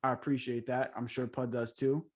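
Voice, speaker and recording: A man's voice: mid-range voice, flat delivery, normal speed, husky. A young man co-hosting a casual podcast, steering the chat with questions and fillers. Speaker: podcast co-host.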